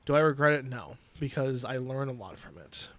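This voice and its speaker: A man in his twenties hosting a solo podcast, earnest and emotional, talking haltingly with many restarts. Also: medium pitch, fairly bright tone, no room sound. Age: 20s. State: emotional, near tears. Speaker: podcast host. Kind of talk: personal solo podcast talk.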